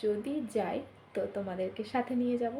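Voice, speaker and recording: A woman's voice: medium pitch, a little fast, a little hiss or hum. Chatty woman vlogging at home. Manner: chatty, rambling, with many fillers; talks softly while others sleep. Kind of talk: casual daily-life vlog chat.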